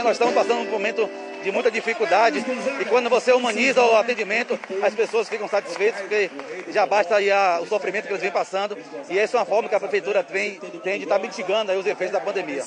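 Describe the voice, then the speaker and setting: A man's voice: high voice, fairly even intonation, fast talker. A man, a city official, giving upbeat talking points in an outdoor TV interview. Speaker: municipal secretary. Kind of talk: interview on live TV. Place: outdoor community restaurant with band. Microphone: reporter's handheld mic, masked. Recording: forró music playing behind.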